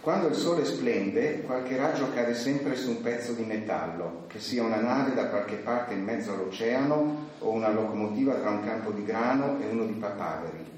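A man speaking at a book presentation, halting with fillers as he introduces an excerpt, then reading it aloud. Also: fairly low pitch, a little mellow. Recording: echoey room, distant mic, faint noise.

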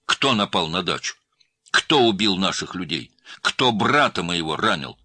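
A man voicing a hot-tempered, scornful male crime clan brother who shouts, in a story reading. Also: sits low, sing-song, unhurried, dry recording, clean studio sound, pitched above the performer's own voice, full character voice. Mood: furious.

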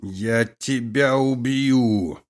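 A man reading an audiobook, voicing a tortured male prisoner who groans in pain. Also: medium pitch. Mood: pained, groaning. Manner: pained, groaning, slow.

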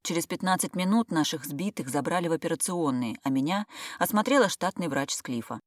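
A woman's voice: deep voice, expressive, brisk, no room sound, studio quality. Woman reading a first-person story. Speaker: audiobook reader. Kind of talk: first-person novel narration.

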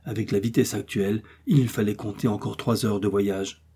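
A man reading a classic adventure novel aloud as scripted audiobook narration, in a steady, measured way. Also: lowish voice, slightly rough. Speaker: audiobook reader.

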